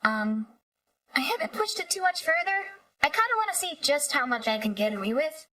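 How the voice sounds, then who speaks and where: Very high woman's voice through an AI voice changer. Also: fairly quick, no echo, distant mic. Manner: excitable, chatty, techy explanations. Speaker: streamer. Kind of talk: casual live-stream chat.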